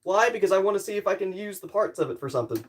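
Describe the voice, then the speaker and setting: A man's voice: sits high, animated, rapid-fire. A man livestreaming casually, rambling jokey self-deprecating commentary to his viewers while he works with tools.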